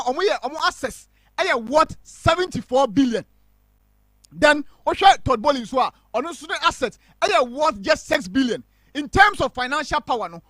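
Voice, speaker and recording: Male pundit, emphatic live-stream match talk, sharp high voice. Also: no room sound. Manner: mixes English and Twi, animated and emphatic. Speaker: football pundit.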